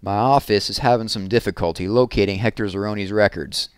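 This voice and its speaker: A man reading aloud, voicing a commanding, easily outraged female official who gives brisk orders. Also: on the low side, smooth, no room sound, natural voice.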